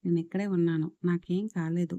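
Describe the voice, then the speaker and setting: A woman's voice: lowish voice, flat delivery, a little fast, dark tone, highs cut off, close to an everyday voice. Woman doing a grieving young ghost woman. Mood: bewildered. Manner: pleading, bewildered. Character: young woman, newly dead spirit, grieving.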